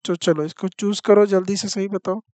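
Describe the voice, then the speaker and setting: A teacher giving an exam-prep lesson who repeats each point, reads statements out slowly and keeps checking in with the class. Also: medium pitch, fairly even intonation, a little mellow, no room sound. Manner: reads out English statements slowly, then explains them in Hindi.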